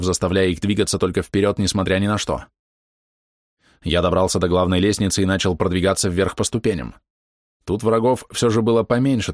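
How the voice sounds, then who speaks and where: A man giving steady, measured first-person narration of a fantasy audiobook. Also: low-pitched, no echo, studio quality.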